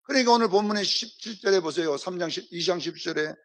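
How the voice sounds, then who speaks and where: Talking fast in a high, gravelly voice, this senior pastor preaches a sermon during a church service. His delivery is forceful, full of rhetorical questions and repeated calls for the congregation to answer.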